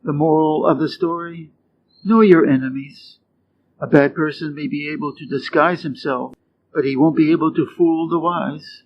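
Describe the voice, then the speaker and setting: A Midwestern American man from Wisconsin, who teaches English, reads short fables and quiz questions for learners in a fairly high voice with fairly even intonation. His slow, scripted reading is clear and deliberate, rising on the answer choices, and the lo-fi recording is dull with faint noise.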